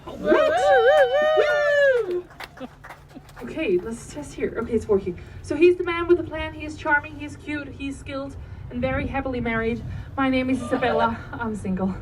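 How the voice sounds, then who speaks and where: A woman's voice: fairly high pitch, fairly quick, few pauses. A woman working as a tour guide on a boat, giving live commentary with playful, jokey patter. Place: outdoors on a canal tour boat. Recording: distant, noisy outdoor boat recording.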